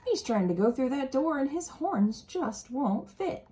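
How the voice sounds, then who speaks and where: A woman with a high-sitting, slightly rough voice reads a children's picture book aloud expressively. Animated and deliberate, she adds casual asides and asks her young listeners questions.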